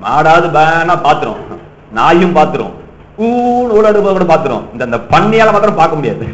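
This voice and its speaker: Male pastor, fairly high voice, teasing sermon style, quizzes the crowd, echoey lo-fi church recording. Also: big pitch swings, a little fast. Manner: teasing, asks the congregation questions and calls for amens.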